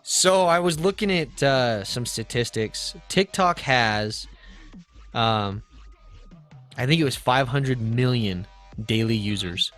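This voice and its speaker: A young man in his late twenties hosts a laid-back livestream podcast, talking in a loose, rambling way and greeting viewers by name. His voice has a crisp, bright edge, and faint music plays behind him. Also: medium pitch, lively intonation, takes it slowly. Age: 20s. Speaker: podcast host. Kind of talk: casual livestream chat.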